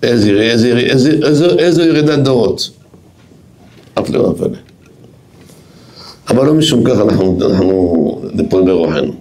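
A man with an Israeli accent teaching a Torah lesson to a yeshiva class, emphatic and repetitive, growing loud and excited as he tells stories. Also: mid-range voice, long pauses.

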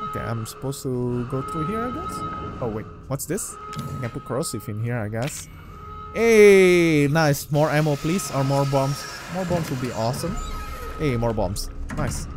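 An excitable man narrates his own horror game run, his voice swinging widely between mutters and startled yelps. He talks to himself the whole way, with game music playing under him. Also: a little high, a little slow. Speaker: gameplay commentator. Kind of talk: let's play commentary. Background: game music and sound.

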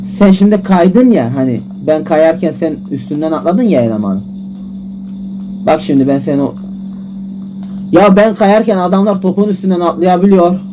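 A man giving frustrated gameplay commentary, swearing and shouting at the game. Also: fairly high pitch, background noise. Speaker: gaming YouTuber. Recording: music loud behind voice.

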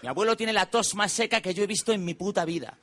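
A man performing a stand-up monologue on stage, delivering quick deadpan punchlines and mimicking his relatives. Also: sits high. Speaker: stand-up comedian. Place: stage before a live audience. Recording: stage recording with audience laughter and noise.

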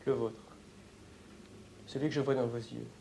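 A young man confronting his analyst in a heated argument, provocative, swinging between raised voice and hushed tones, caught on a portable tape recorder in an office. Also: mid-range voice, steady tone, normal speed, gravelly, slight background noise. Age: young adult. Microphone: hidden portable tape recorder.

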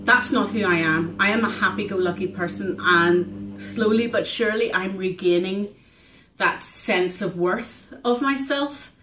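A woman in her forties shares an earnest, confessional diary vlog, pausing often with ums and restarting her thoughts. Her voice carries a noticeable room echo. A steady wash of ambient noise sits behind her. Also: mid-range voice, distant mic. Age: 40s. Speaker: vlogger keeping a weight-loss diary.

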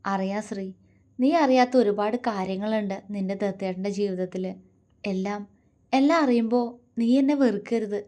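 A woman's voice: mid-range voice, moderate pace, natural voice. A woman doing a tender protective young man. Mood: hushed sad. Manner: soft, affectionate, coaxing.

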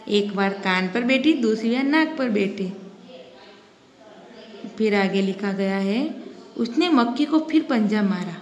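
A woman Hindi teacher giving a lesson, explaining step by step and repeating questions to the children. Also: fairly high pitch. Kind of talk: online class lesson. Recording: echoey room with faint hiss.

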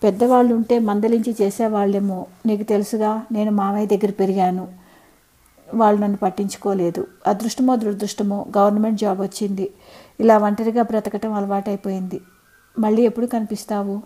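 Gentle, lonely storybook woman in her fifties, soft-spoken, read by a woman narrator. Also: mid-range voice, flat delivery, a little fast, natural voice. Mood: wistful.

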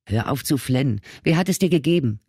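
A man's voice: medium pitch, animated, brisk, warm tone, dry recording, studio quality, pitched above the performer's own voice. A man reading an audiobook, voicing a tough female ex-cop who barks orders. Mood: commanding. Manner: barking orders.

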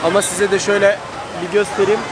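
A man's voice: high voice, flat delivery, fast talker. A man in his twenties talking casually to a handheld camera as he vlogs outdoors. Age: 20s. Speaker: vlogger. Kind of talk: casual vlog narration to camera. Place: outdoors in a busy amusement park. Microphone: handheld camera at arm's length. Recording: outdoor ambient noise from park.

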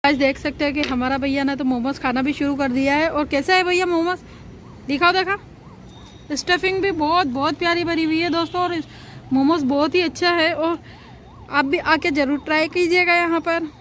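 A young woman with a high, bright voice chats eagerly to her viewers about the food in front of her. She talks straight into a handheld phone while sitting out on a rooftop at night, and faint noise hums behind her. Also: steady tone, normal speed. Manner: chatty, enthusiastic, addresses viewers as friends. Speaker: food vlogger. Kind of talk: casual restaurant review vlog. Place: rooftop restaurant at night, outdoors.

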